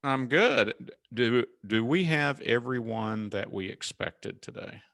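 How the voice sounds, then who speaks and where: A man's voice: mid-range voice, takes it slowly, creaky. Southern man hosting a casual webinar. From Southern United States. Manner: relaxed, chatty, with fillers and restarts. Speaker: webinar host.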